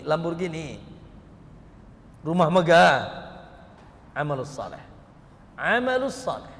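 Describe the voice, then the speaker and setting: Male preacher, high voice, bantering sermon delivery, long hall reverb. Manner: lively, teasing the audience with questions.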